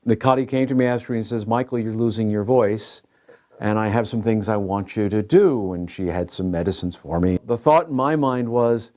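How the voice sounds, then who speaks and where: A man, an actor, telling a relaxed anecdote in an interview. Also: mid-range voice. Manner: storytelling, relaxed.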